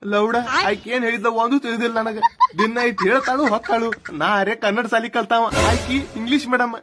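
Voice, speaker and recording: A rustic, self-mocking man, his voice pitched very high. He grumbles in comic complaint. Clear noise sits behind him. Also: steady tone, normal speed. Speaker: comedy sketch performer.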